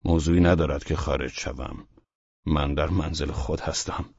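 A man voicing a guarded, dignified middle-aged gentleman who speaks curtly in an audiobook. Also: a bass voice, steady tone, gravelly, breathy edge, dry recording, highs cut off, full character voice.

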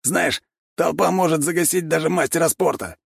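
A man's voice: a little high, moderate pace, vocal fry, breathy edge, dry recording, studio quality, voice pushed up, heavily acted. Man doing a brash growling wolf thug. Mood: menacing. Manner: swaggering, growling threats. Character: brash thuggish young wolf man, arrogant bully.

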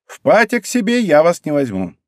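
A man voicing a bossy young girl who plays a drill sergeant and shouts commands. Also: fairly high pitch, wildly swooping pitch, a little fast, no echo, studio quality, voice pushed up. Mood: bossy, shouting.

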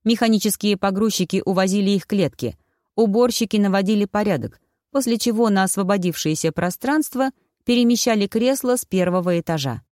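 An audiobook narrator reading a fantasy story in a steady, even storytelling manner. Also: medium pitch, a little fast, dry recording, clean studio sound. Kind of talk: scripted narration.

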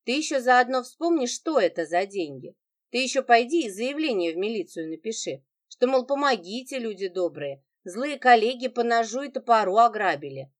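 A woman's voice: fairly high pitch, lively intonation, normal speed, close to an everyday voice. A woman doing a sneering, venomous wife. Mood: mocking. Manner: sarcastic, sneering, biting.

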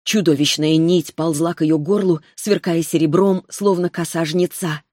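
A woman with a lowish voice narrates a fantasy audiobook. She reads at a steady, measured pace. The recording is dry and close, with no room sound. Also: no room sound.

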